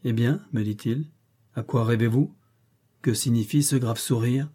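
A brooding, masterful nobleman, voiced by a man reading aloud, speaks in a measured, teasing way. His tone is warm and dark. It is audiobook character reading. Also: mid-range voice, slightly rough. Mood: bantering.

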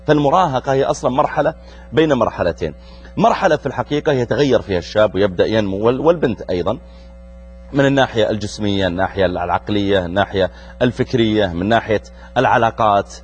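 Talking quickly in a low, husky voice, this middle-aged Saudi preacher livens up his youth show by addressing the young listeners and questioning them. The sound is lo-fi, with faint music in the background.

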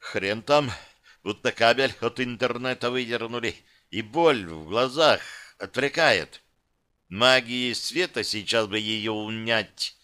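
A man's voice: mid-range voice, slow pace, pushed and bright, smooth. A man reading a first-person fantasy audiobook, with tense, terse inner monologue. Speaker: audiobook narrator.

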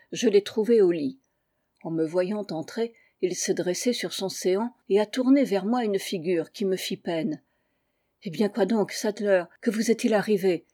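A woman's voice: mid-range voice, darkish tone. A woman reading a classic story aloud in the first person, with tense, feverish delivery. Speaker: audiobook reader. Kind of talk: first-person literary narration.

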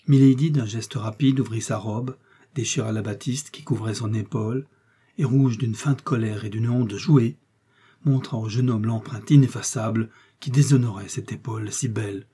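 A man narrating a classic novel in audiobook form, with measured, expressive storytelling. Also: on the low side, husky.

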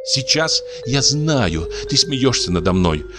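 A man's voice: medium pitch, big pitch swings, slow, over music, pitched above the performer's own voice. A man voicing a distraught young wife in hysterics, crying out in pleading, sobbing bursts. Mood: hysterical, pleading. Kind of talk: audiobook character voice.

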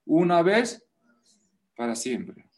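Slow, emphatic male pastor. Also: a little high. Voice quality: animated, rising to loud emphasis. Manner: non-native Spanish, emphatic repetition, rhetorical questions. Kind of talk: sermon.

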